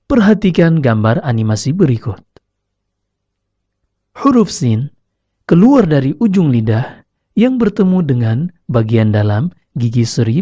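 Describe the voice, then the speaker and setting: A man giving slow, deliberate scripted narration as a recitation teacher, demonstrating each sound himself. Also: medium pitch, mellow, no room sound. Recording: dry, slightly dull lo-fi recording.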